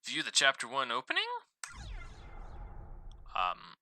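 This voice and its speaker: A man's voice: medium pitch, wildly swooping pitch, slow, pushed and bright, slight background noise. A man streaming a horror game live, chatting casually and stumbling as he reads the on-screen text aloud. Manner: rambling, stumbles while reading text aloud. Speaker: gaming streamer. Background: faint game music.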